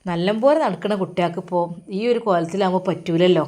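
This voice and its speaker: A woman's voice: fairly low pitch, fast talker, dark tone, natural voice. A woman voicing a blunt, chatty middle-aged relative with feigned sympathy.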